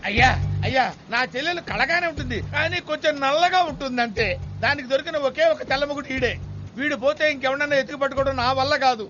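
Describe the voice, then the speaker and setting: An actor playing a cowardly comic man who whines and pleads fast, in a dubbed film comedy. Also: very high voice, bright, forceful tone. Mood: panicky. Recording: slightly dull film soundtrack with music.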